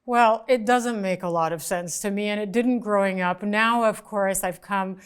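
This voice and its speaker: A woman's voice: mid-range voice, moderate pace, clean tone. A middle-aged woman journalist, a guest in a studio interview, talking thoughtfully and gesturing as she speaks into a lapel mic, with some restarts. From United States, raised in France. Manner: articulate, thoughtful, with frequent restarts and fillers; gestures with her hands while talking. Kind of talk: interview conversation. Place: small studio set, indoors.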